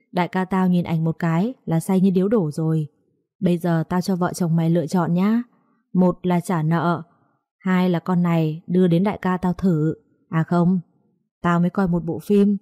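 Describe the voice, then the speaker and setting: A woman's voice: on the low side, mellow, dry recording, studio quality, close to an everyday voice. A woman reading aloud, voicing a crude, threatening male debt-collector thug. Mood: leering. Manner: vulgar, taunting, threatening.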